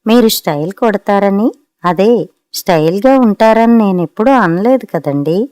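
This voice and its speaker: A woman reading as a gentle, patient wife. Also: mid-range voice, animated, normal speed, no room sound, clean studio sound, natural voice. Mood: mild pleading. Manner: pleading and mild.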